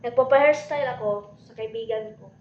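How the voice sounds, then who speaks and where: A woman's voice: on the high side, fairly quick, darkish tone, muffled recording, slight background noise. A woman chatting casually to camera, rambling and giggling, mixing in English phrases. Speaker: vlogger.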